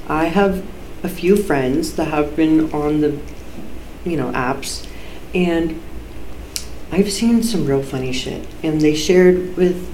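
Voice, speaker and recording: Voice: medium pitch, a little mellow. A podcast host chatting casually and informally, swearing freely and breaking off mid-thought, in an echoey room on a poor microphone. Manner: informal, sweary, self-interrupting. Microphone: low-quality microphone. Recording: echoey room, poor mic, background noise.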